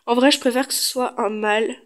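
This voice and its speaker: A woman's voice: fairly high pitch, fairly even intonation, brisk. A woman giving casual, chatty gameplay commentary, thinking aloud as she goes. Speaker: gaming video creator.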